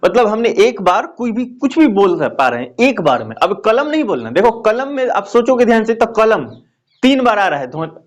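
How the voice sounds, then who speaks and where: A man teaching grammar in a classroom lecture, who explains slowly, repeats key phrases and keeps asking his students questions. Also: high voice, big pitch swings.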